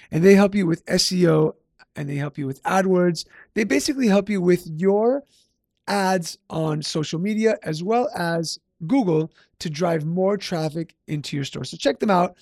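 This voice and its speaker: A man's voice: high voice, unhurried, vocal fry, darkish tone, no echo, clean studio sound. A male podcast host talking in an upbeat, salesy way and often tagging lines with "right?". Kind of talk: casual podcast talk with ad read.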